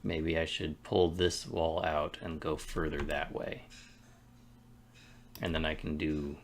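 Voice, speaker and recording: A man with a very low, gravelly voice talks slowly and casually to himself while building a game at his desk. He muses in short, unhurried phrases, and faint keyboard clicking and background noise sit behind him. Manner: relaxed, musing, talks to himself between pauses. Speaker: game developer streaming his work. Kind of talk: casual thinking-aloud commentary while working.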